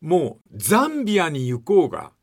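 A man's voice: a little high, wildly swooping pitch, normal speed, vocal fry, heavy background noise. An older man hosting a radio talk show, telling stories in a rambling, folksy way and putting questions to his co-host.

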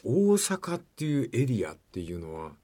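A man's voice: medium pitch, wildly swooping pitch, normal speed, warm tone. Older guy on radio, rambly folksy talk, voice goes up and down a lot. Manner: rambling, folksy storytelling, asks the co-host questions. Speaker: radio host.

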